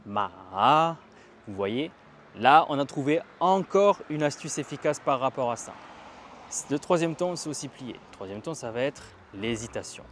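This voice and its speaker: A man giving a casual language lesson while walking outdoors, lively and stressing words to demonstrate tones. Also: medium pitch, normal speed, a little hiss or hum. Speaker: language teacher.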